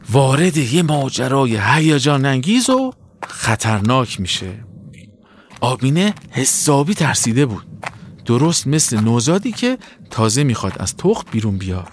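A man narrating a children's story in an expressive, dramatic way. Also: mid-range voice, slight background noise.

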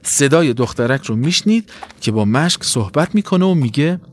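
Expressive male children's storyteller. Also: medium pitch, a little hiss or hum. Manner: expressive, dramatic.

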